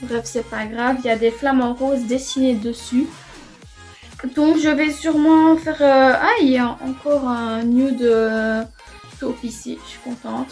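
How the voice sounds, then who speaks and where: A woman's voice: sits high, level tone, unhurried, a little mellow, faint music behind. A young woman casually chatting through a makeup try-on at home, enthusiastic and full of fillers. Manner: chatty, enthusiastic, repeats "franchement" often. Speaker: beauty vlogger. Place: home room near a window.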